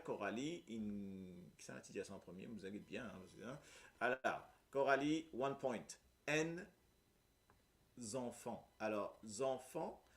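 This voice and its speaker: A man with a Mauritian accent teaching a Creole lesson, explaining patiently and often checking that his listeners follow. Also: fairly low pitch. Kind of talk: live language lesson.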